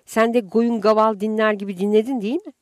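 A woman voicing a blunt village husband who scolds his wife in rough rural speech, in a dry, close recording. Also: medium pitch, steady tone, fairly quick, no room sound, pitched above the performer's own voice, natural voice. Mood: mocking.

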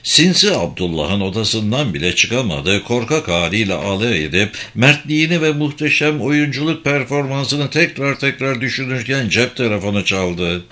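A man narrating a crime novel as an audiobook, in a measured, expressive reading. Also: medium pitch.

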